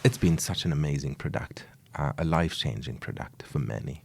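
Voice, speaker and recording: A man's voice: rumbling low, brisk, vocal fry, dry recording. A man from Sri Lanka, a podcast guest, chatting in an easygoing way with short agreeing replies. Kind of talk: casual podcast chat.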